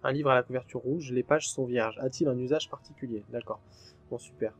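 A man's voice: medium pitch, brisk, faint music behind. A man commenting on his own horror game playthrough in a chatty way, swearing freely and jumping at scares. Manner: chatty and jumpy, swears freely when startled. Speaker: gaming channel host. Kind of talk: let's play commentary.

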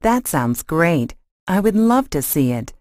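A woman's voice: on the low side, big pitch swings, measured pace, darkish tone, no echo, clean studio sound. A woman acting an agreeable, interested friend in a scripted language lesson dialogue, with careful short sentences.

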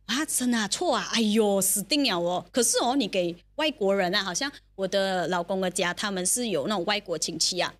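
A woman in her thirties with a Malaysian Mandarin accent, co-hosting a casual podcast chat, animated and quick to laugh, mixing in English words. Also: medium pitch. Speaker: podcast co-host.

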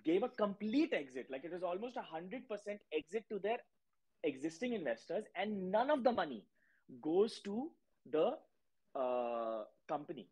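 A man's voice: high-pitched, very animated, normal speed, darkish tone, breathy edge, low-quality recording. A man with an Indian accent, a podcast guest explaining markets in a chatty, emphatic way and mixing Hindi into his English. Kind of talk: casual conversational explaining.

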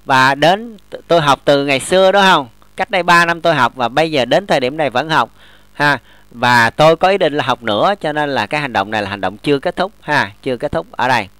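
A man, teaching English grammar in a classroom lesson, explaining slowly and often checking that students follow. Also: on the high side, fairly bright tone, smooth, no room sound. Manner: models English example sentences slowly.

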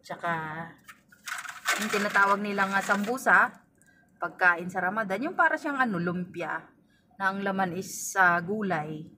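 A woman's voice: medium pitch, expressive, moderate pace, pauses often. A middle-aged woman telling stories in a casual vlog from inside a car. She chats to her viewers as "guys" and acts out the dialogue. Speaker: vlogger and family driver. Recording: distant mic with faint ambient noise.

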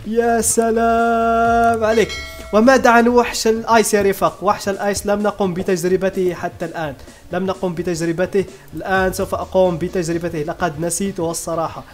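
A man giving excitable gameplay commentary as a YouTuber, often stopping and restarting his sentences. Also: high voice, fast talker, soft background music. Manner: excitable, many restarts and fillers. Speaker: gaming YouTuber.

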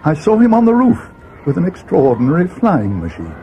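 An actor playing Watson, a schoolboy's companion recounting a mystery as scripted storybook narration. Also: male voice, fairly high pitch, huge pitch swings, fairly quick, background noise. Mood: measured, grave.

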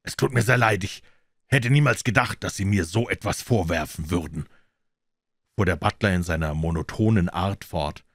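A sly older butler speaks in a low, monotone voice with false, level politeness, as a man puts him on. The sound is dry and close, with no room around it. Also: moderate pace, no echo. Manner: monotone, apologetic, then harsh.

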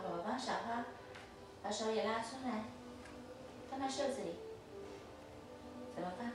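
A mother patiently coaching her toddler through play, repeating simple instructions over and over. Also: mid-range voice. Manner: patient, repetitive, gently instructive. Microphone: distant camera mic. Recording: echoey, distant, noisy home recording.

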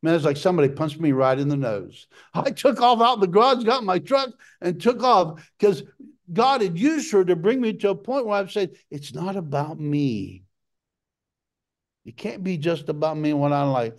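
High-voiced impassioned male preacher. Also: lively intonation, normal speed. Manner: impassioned preaching, jumps to a high pitch for emphasis. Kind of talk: sermon.

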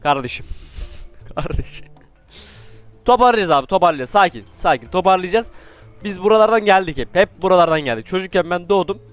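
A man giving casual, joking commentary while playing a game, with sudden excited outbursts and playful trash talk. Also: high voice, fast, soft background music. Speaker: gaming YouTuber.

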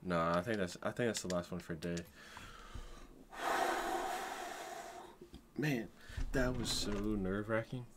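A young man commenting on his own gameplay, keyed up and shaky with adrenaline, shouting in tense moments and going soft in between. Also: lowish voice, a little slow, pauses often, noisy background. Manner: excitable, shouts in tense moments then talks softly. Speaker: gaming video creator.

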